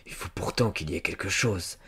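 A man voicing a stubborn, brutish farmer who badgers and shouts. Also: low-pitched, brisk, husky, full character voice. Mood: muttering. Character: brutish stubborn middle-aged male farmer.

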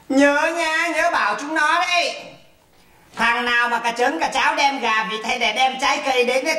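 A woman playing a brash, newly widowed wife in a stage comedy sketch. She scolds fast and bossily, then sings slow, mock-mournful laments. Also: fairly high pitch, fairly bright tone, lightly acted. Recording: echoey stage audio from far off, with music.

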